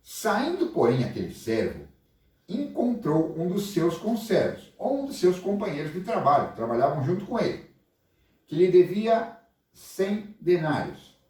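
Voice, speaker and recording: Animated Brazilian preacher telling a story to kids. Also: male voice, on the high side, unhurried. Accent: Brazilian Portuguese. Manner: animated, asks the listeners questions. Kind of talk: children's sermon storytelling. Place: church hall. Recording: echoey hall, voice far from mic.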